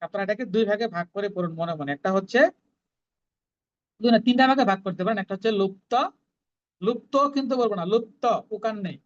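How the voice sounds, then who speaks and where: A woman teaching Sanskrit verse recitation, chanting each line slowly and then explaining the pronunciation in quick, plain speech. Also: medium pitch, darkish tone, highs cut off. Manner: slow drawn-out chanting alternating with quick explanations.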